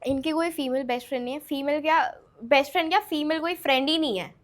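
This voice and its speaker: A woman in her twenties talks as a guest on a podcast about her relationship. She is animated, laughs often, and slips English words into her Hindi. Her voice is high. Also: quick pace. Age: 20s. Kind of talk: casual interview chat.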